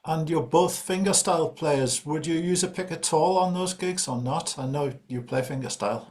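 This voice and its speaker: A man's voice: fairly high pitch, normal speed, a little mellow. A man interviewing a guitarist, asking long, knowledgeable questions.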